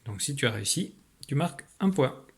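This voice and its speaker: A man's voice: medium pitch, big pitch swings, slight background noise. Patient male teacher dictating. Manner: patient, clear, articulates sounds slowly. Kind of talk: recorded spelling dictation lesson.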